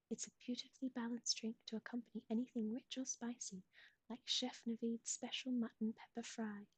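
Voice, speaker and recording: A woman whispering recipes in a soft ASMR style, close to the mic, with gentle asides to a pet. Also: on the high side, slightly rough, no echo, low-quality recording. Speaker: ASMR streamer.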